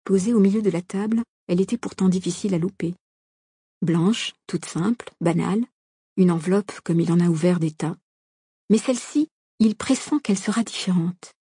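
Low, husky woman reading a novel. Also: dry recording. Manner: calm, measured storytelling. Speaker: audiobook reader. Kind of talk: scripted novel narration. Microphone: close studio microphone. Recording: dry studio recording.

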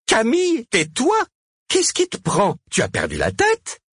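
A man doing a shrill, desperate pleading woman. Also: wildly swooping pitch, measured pace, fairly bright tone, breathy edge, no room sound, clean studio sound, full character voice. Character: anguished woman pleading with the mayor.

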